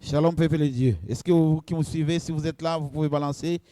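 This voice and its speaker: A man's voice: on the high side, steady tone, a little fast, warm tone, no echo. A man, a pastor, preaching a sermon in short phrases and addressing his congregation directly.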